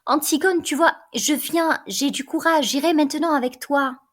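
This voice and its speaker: A timid young sister pleading to stay by her sister, as a woman reads the part. Her voice sits fairly high. It is a plain play reading. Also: normal speed, a bit bright.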